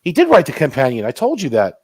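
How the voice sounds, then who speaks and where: A man's voice: on the high side, huge pitch swings, fast talker, a little mellow, husky, no room sound. A man co-hosting a casual watch-along chat, laughing easily and chatting loosely. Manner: laughs easily, chatty, looks things up aloud. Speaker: podcast co-host. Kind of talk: casual riff-track banter.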